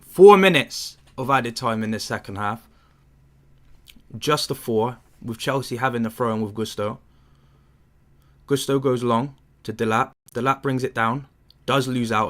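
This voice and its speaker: A young man from England hosts a football watchalong at a moderate pace, his voice fairly low and fairly bright. He keeps it casual, chatting with viewers, replying to their questions, and rambling with fillers.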